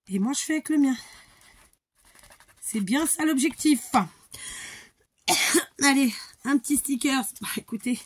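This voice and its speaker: A woman's voice: a little high, breathy edge. A woman hosting a crafting tutorial, chatting casually and thinking aloud, muttering to herself as she works.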